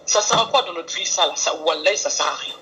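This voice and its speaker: A woman calling in to a live stream, talking earnestly and pleading for calm. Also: deep voice, quick pace, a little hiss or hum, low-quality recording. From France. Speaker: caller. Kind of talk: phone call on a live stream.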